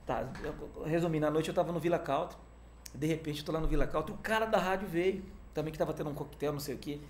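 A man telling a story in a casual interview, speaking fast and with a fairly high voice. He is animated and sprinkles "cara" through his talk, acting out the people he quotes. A faint room ambience sits behind him. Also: a little hiss or hum. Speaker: guest, music manager.

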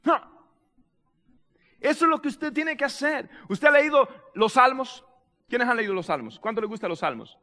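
A man preaching a sermon as pastor, animated and dramatic, acting out prayers and raising his voice to a shout. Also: extremely high pitch, a little fast, long reverb tail.

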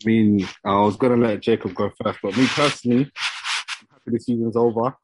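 A man's voice: on the low side, steady tone, brisk, background noise. A young man with an urban London roadman accent giving opinions in casual, slangy podcast talk. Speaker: football podcast panellist. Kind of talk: casual chat.

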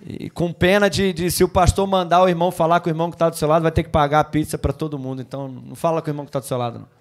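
Fiery Brazilian pastor preaching. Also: male voice, a little high, fairly even intonation, rapid-fire. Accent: Brazilian Portuguese. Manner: emphatic, switching between hushed and shouted, voicing excuse-makers. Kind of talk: sermon.

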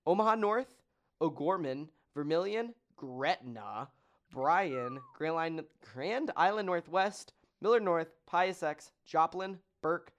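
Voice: medium pitch, lively intonation, slow pace, lo-fi sound. A podcast host in casual chat, joking and running through long lists of results with many ums.

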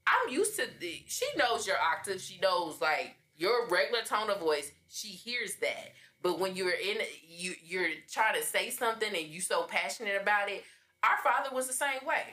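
A woman's voice: mid-range voice, sing-song, normal speed, bright, forceful tone. A woman co-hosting a podcast, explaining earnestly in casual chat. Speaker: podcast co-host.

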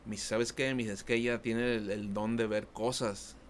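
A man's voice: on the low side, little pitch movement, moderate pace, slight background noise. Rambling Mexican man telling a story. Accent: Mexican Spanish. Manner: rambling, many fillers like "este". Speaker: podcast co-host. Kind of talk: casual storytelling chat.

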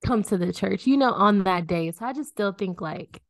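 A woman in her late twenties co-hosting a podcast, talking in a relaxed, reflective way with many fillers. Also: mid-range voice, moderate pace, no echo, studio quality. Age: 20s. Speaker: podcast co-host. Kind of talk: casual chat.

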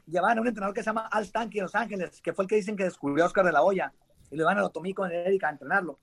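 A man with a Mexican accent telling lively stories in casual chat, acting out quotes. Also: high voice, rapid-fire, creaky, slightly rough. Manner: animated, laughing, acting out shouted quotes. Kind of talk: casual storytelling.

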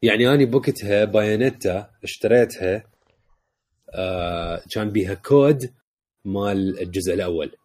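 A man's voice: fairly low pitch, normal speed, darkish tone. A man with an Iraqi Arabic accent chatting casually as a podcast co-host, dropping English words into his talk. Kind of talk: casual chat.

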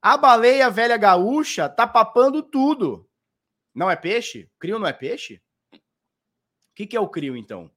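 Sitting high and a bit bright, this man's voice is very animated, a little slow, and broken by frequent pauses. He's from Santos, Brazil, riffing on the crypto market while mocking his viewer and peppering everything with "ó."

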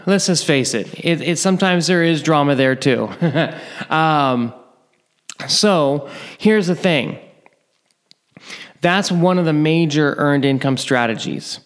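A man's voice: a little high, slow, pauses often. Man teaching, peppering with "right?". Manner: repetitive, checks in with "right?" and "okay?", chuckles often. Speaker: real estate investing teacher. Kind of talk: informal teaching monologue.

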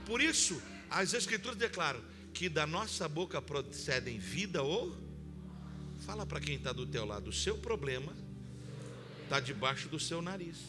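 Male pastor, high voice, sermon that climbs to shouts, church with long reverb and music. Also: animated, normal speed. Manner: preaching that climbs to shouts and sung lines. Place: church hall.

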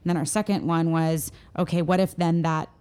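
Woman co-host, slightly low voice, chatty and playful. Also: flat delivery, a little fast, a little mellow, smooth. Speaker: podcast co-host. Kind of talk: casual advice chat.

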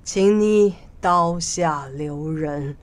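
A woman voicing an ancient, gentle male immortal sage who speaks slowly and softly. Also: sits low, voice pushed down. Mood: gentle pleading. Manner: slow, soft and hushed.

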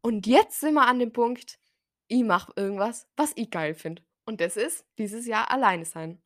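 A woman's voice: fairly high pitch, animated, measured pace, no room sound, studio quality. A young woman, hosting a casual solo podcast and acting out conversations as she chats. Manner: chatty, acts out conversations in quoted voices. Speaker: podcast host.

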